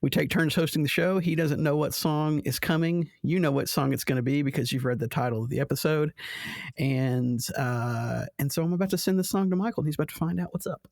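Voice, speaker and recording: Man, podcast co-host, casual chat, playful, somewhat high voice, dry close sound. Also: brisk, vocal fry, a little mellow, dry recording.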